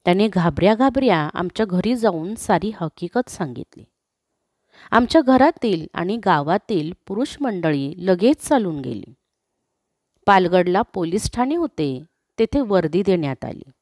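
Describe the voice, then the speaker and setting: A woman narrating a classic story in a slow, expressive reading. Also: on the low side, dry recording, clean studio sound.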